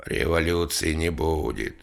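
A domineering businessman gives short, firm replies that allow no argument, as a man voices him. His voice is very deep and gravelly, and he speaks slowly. It is an audiobook figure. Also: bright, forceful tone, heavily acted. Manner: curt, firm, slow commands.

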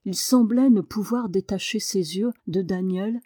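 A woman narrating a novel aloud in an expressive reading voice. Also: mid-range voice, measured pace, no echo, clean studio sound. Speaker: audiobook narrator. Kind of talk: scripted narration.

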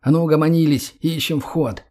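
A man voicing a menacing gang leader who gives harsh, hushed commands. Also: steady tone, a little fast, lightly acted. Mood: hushed fury. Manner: harsh, commanding, low and hissing.

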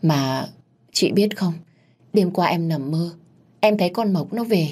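Woman doing sly young wife faking fear, pleading, low voice. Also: animated, measured pace, darkish tone, husky. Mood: fake dread. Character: cunning young wife feigning ghostly fear.

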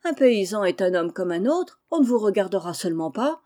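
A sensible nursemaid in a storybook reading, calm and reassuring in a mellow, even voice, as a woman narrator puts her on. She speaks plainly and steadily to the frightened children. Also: mid-range voice, a little fast, natural voice. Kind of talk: audiobook character reading.

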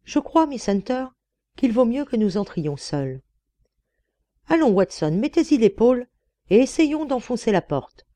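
A woman voicing a decisive male detective giving crisp orders in an audiobook. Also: a little high, sing-song, unhurried, warm tone, no echo, pitched above the performer's own voice. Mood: commanding. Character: sharp, commanding male detective.

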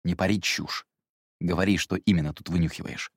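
A man voicing Jerome, brusque hushed young man. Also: steady tone, fairly quick, husky, no echo, clean studio sound. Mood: gruff, hushed. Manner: low, clipped and insulting.

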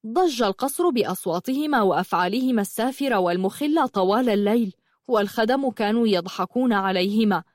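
A woman's voice: a little high, darkish tone, dry recording. Woman narrating a story, dry close sound. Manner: measured, literary storytelling. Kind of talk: scripted audiobook narration.

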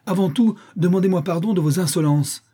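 A man's voice: normal speed, dark tone, natural voice. A man reading aloud voicing a haughty, furious old noblewoman who speaks with crushing scorn. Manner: scornful, shrill when enraged.

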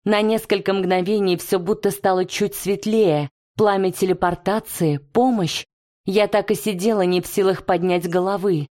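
A woman's voice: mid-range voice, fairly even intonation, moderate pace, warm tone. A woman narrating a first-person fantasy audiobook with intense, dramatic delivery.

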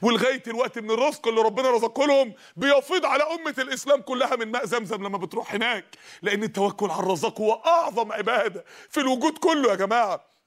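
Man, Egyptian accent, preacher, very high voice, rapid delivery, shouts then drops to a hush. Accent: Egyptian Arabic. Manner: impassioned, swings from shouting to hushed storytelling. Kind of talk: Egyptian colloquial sermon.

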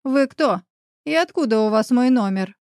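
A woman's voice: a little high, expressive, normal speed, a little mellow, no room sound, studio quality, voice pushed up. A woman voicing a scheming middle-aged aunt who talks in a silky, coaxing, sly way, in an audiobook. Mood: irritated.

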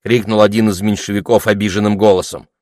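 A man narrating an audiobook in a calm, even storytelling manner. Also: fairly low pitch, fast talker, no echo, clean studio sound. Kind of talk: scripted narration.

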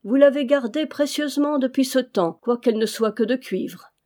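A woman voicing a cynical male valet and hired killer, smooth, insolent and coolly ironic, in an audiobook reading. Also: sits high, moderate pace, mellow, pitched above the performer's own voice, close to an everyday voice. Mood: mocking.

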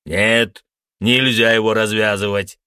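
A man voicing a burly, hot-tempered male brute who shouts accusations in a raised, aggressive voice. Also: medium pitch, very animated, takes it slowly, dry recording, clean studio sound, pitched above the performer's own voice. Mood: angry.

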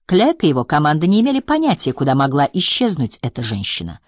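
Brief: female audiobook narrator, lower pitch, steady measured delivery. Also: dry recording, clean studio sound. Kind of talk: scripted narration.

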